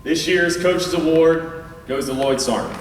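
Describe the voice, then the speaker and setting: An American man, a coach, giving a prepared awards speech in an earnest, measured way to an audience. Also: on the high side, a loud crowd. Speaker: high school track coach. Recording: echoey hall, far from the mic, faint noise.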